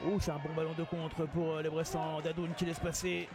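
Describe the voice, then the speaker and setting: A man giving excited live football commentary, exclaiming and reacting aloud in short bursts. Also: a little high, brisk, over music. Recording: crowd behind the voice.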